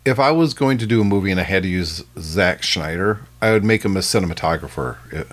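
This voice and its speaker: A man's voice: low voice, lively intonation, quick pace. A man co-hosting a podcast, talking bluntly and emphatically in a casual film review chat, with short agreeing replies. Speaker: podcast co-host.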